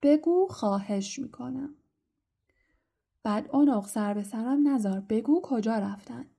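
A woman's voice: on the high side, animated, creaky, warm tone, breathy edge, exaggerated voice. A woman voicing an impatient, grumpy old male caretaker. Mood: irritable. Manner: demanding, irritable.

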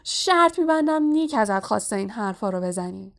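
A woman's voice: on the high side, animated, natural voice. A woman voicing a boisterous, mocking headless male ghost in a storybook reading. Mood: jeering. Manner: loud, mocking, hearty.

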